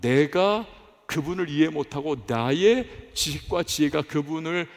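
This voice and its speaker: A pastor preaches with emphasis and keeps putting questions to the congregation. His fairly high voice is gravelly and swings widely in pitch. A long echo fills the church sanctuary. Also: animated, a little slow. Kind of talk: sermon. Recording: echoey church hall.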